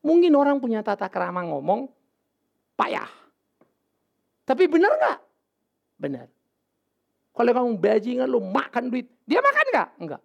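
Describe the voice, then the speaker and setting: A male pastor preaching a sermon in a casual, animated way, with sudden loud outbursts and English words mixed in. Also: very high voice, measured pace, gravelly, long pauses. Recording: dull lo-fi sermon recording.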